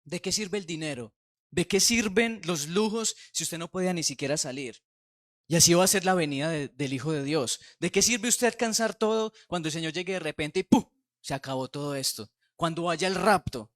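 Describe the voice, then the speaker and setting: A man's voice: fairly high pitch, expressive, normal speed, a bit bright, dry recording, studio quality. A man with a Colombian Spanish accent preaching a conversational sermon as pastor, sometimes acting out the voices he quotes.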